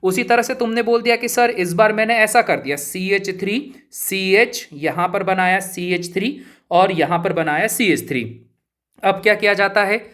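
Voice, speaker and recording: A man's voice: high voice, moderate pace, a bit bright. Chatty man teaching a lesson. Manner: chatty, asks students questions and answers them himself; informal, keeps addressing listeners as brother and buddy. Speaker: chemistry teacher. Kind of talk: casual spoken lesson.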